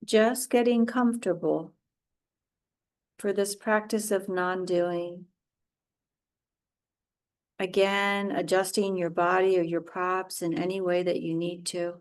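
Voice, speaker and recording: A yoga teacher guides a relaxation, her voice a little low and very slow, with little pitch movement. She offers short, soothing phrases separated by pauses.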